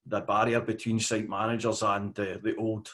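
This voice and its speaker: A Scottish man in his fifties, a podcast guest talking casually with many fillers and pauses. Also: lowish voice, flat delivery, a bit bright. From Scotland. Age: 50s. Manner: hesitant, with frequent fillers. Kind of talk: casual interview.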